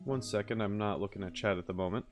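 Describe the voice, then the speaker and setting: A man is live streaming, chatting casually and thinking out loud in an easygoing, rambling manner. His voice sits on the low side and he talks fast, with music playing in the background.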